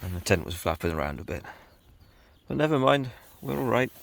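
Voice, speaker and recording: Gravelly-voiced man vlogging outdoors. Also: on the low side, brisk. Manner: relaxed, chatty, lots of ums. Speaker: wild camping vlogger. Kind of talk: casual outdoor vlog narration. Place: outdoors on a windy hillside.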